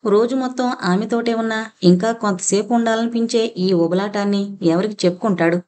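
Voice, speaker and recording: A woman with a mid-range voice narrates an audio novel from a script, keeping a steady, measured storytelling manner.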